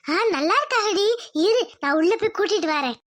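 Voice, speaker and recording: Woman voicing a warm-hearted village mother in a cartoon, high voice. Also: lively intonation, fairly quick, background noise. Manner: fussing, welcoming. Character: caring village mother, middle-aged woman.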